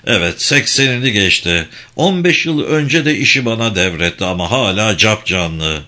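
A man's voice: lowish voice, animated, normal speed, sharp tone. A man reading the lines of a helpful small-town lawyer in his fifties. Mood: obliging. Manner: helpful, obliging.

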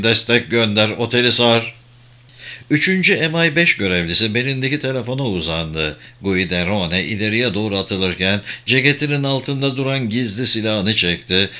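A man reading a thriller novel aloud in a measured, dramatic narration. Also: lowish voice, bright, forceful tone. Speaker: audiobook narrator. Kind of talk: scripted audiobook narration.

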